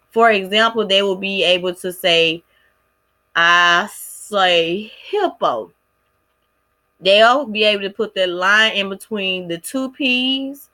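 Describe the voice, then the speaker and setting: A woman walks through a lesson plan for young readers, talking casually and stopping often with fillers. Her voice is bright and clear, at a middling pitch. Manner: casual, halting, with many fillers like "like" and "um". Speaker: student teacher presenting a lesson plan. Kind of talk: recorded class presentation.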